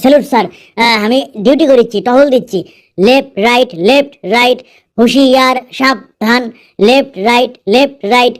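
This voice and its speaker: A man's voice: very high-pitched, steady tone, normal speed. A man with a northern Bangladeshi Bogura accent voicing a bumbling, greedy young army recruit in a comedy dub, whining and muttering to himself. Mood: nervous drilling. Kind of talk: comedy dubbing in dialect.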